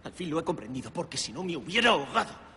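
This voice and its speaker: An actor playing an earnest, stubborn male pianist who speaks softly and pleads. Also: on the high side, sing-song, fast, slightly rough, long reverb tail, exaggerated voice.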